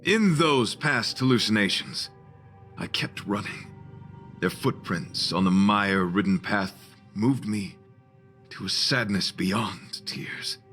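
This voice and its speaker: Voicing a young knight in a video game, this actor plays a chivalrous man devoted to beauty who talks in a formal, flowery, solemn style. His pitch is fairly low, his pace slow, and his tone a bit bright, with soft music playing underneath.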